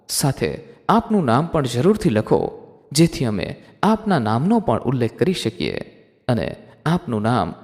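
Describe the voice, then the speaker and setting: A man hosting a storytelling channel, reading out viewers' comments and narrating a horror story in a dramatic, expressive way. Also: medium pitch. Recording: long hall reverb.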